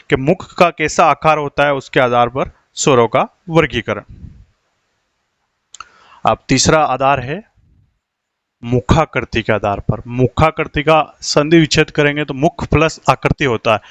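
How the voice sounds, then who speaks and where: A man teaching a grammar lesson, asking questions and answering them himself, slowing down to dictate definitions. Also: fairly high pitch, fairly bright tone, no echo. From India. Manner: asks rhetorical questions and answers them himself, slows down while writing on the board.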